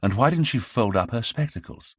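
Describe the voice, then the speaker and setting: A man voicing a young 1920s gentleman amateur detective in an audiobook, brisk and self-assured as he theorizes. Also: mid-range voice, expressive, slightly rough, no echo, clean studio sound, pitched above the performer's own voice. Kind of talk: audiobook character reading.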